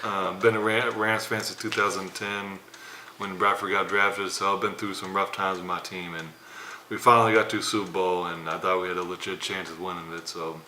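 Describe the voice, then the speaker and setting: A young man co-hosting a casual sports talk show, speaking in a subdued, halting way with many fillers, downcast after a loss. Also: deep voice, little pitch movement, bright, forceful tone. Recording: roomy echo, faint background noise.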